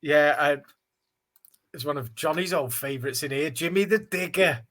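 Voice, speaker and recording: A man's voice: fairly high pitch, normal speed, a bit bright. A man hosting a casual racing tips chat, upbeat and steering the talk. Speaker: show host.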